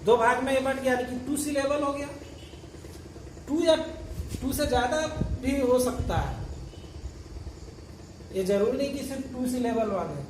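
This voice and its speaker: A male teacher talks through a grammar lesson at an unhurried pace, throwing out questions and then answering them himself. He repeats each word patiently, one step at a time. His voice comes from a few steps off the mic in a roomy, echoing classroom with a faint hiss underneath. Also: very high voice. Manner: repeats and spells out words patiently. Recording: echoey room, voice from far off.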